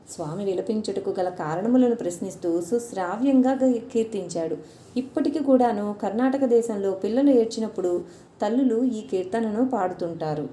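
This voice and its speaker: A woman narrating a devotional story in a measured, formal reading style. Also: on the high side, dark tone. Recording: roomy echo, faint noise.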